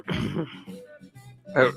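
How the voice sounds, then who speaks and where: A man hosting a casual livestream hangout, chatty and upbeat, laughing often as he reads viewer comments and thanks people warmly. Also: drawn-out words, faint music behind. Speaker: livestream host. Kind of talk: casual live-stream chat, reading comments.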